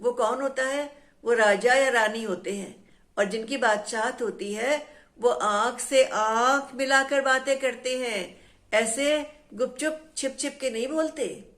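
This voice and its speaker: A woman voicing a proud, angry male tree in a children's story who shouts threats in rhyme. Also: fairly high pitch, takes it slowly.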